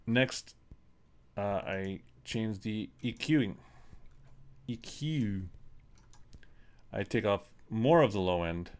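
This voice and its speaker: A middle-aged man talks through his vocal mix from his home studio, a relaxed screen-recorded tutorial with frequent ums and uhs. His fairly low voice is smooth and a bit mellow, slow with lively intonation and many pauses. He's loose, rambling and self-deprecating.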